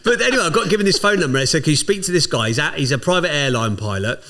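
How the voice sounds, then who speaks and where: Fast-talking man telling stories. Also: fairly high pitch. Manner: fast, swears freely, animated storyteller. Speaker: podcast guest. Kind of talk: casual storytelling chat.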